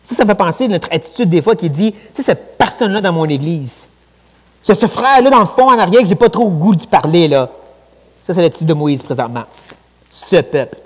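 A man with a Quebec French accent preaching a sermon in a church, lively and conversational, with colloquial asides. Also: sits high, quick pace, breathy edge. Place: church sanctuary. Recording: long church hall reverb.

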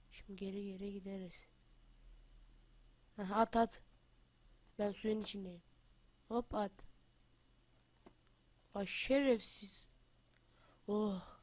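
A woman hosting her gaming channel while down with the flu, talking through her game in a loose, chatty way. She shouts excited trash talk at other players, then sinks into low, half-whispered muttering as she plans her moves. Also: no room sound. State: has the flu. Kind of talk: casual gameplay commentary.

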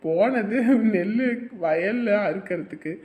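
Actor as an easygoing young brother, calm and reassuring. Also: male voice, high voice, slow. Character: young brother, cheerful hardworking laborer.

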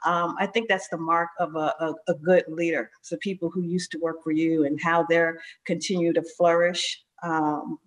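Earnest lower-pitched woman guest. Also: flat delivery, moderate pace, few pauses. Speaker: guest, company leader. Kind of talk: casual interview conversation.

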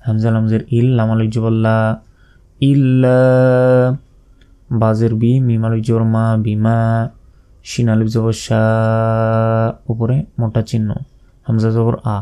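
A man with a Bangladeshi accent teaching recitation, spelling out each letter slowly and deliberately, then drawing out the recited phrases. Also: on the low side, monotone, warm tone, clear, resonant tone.

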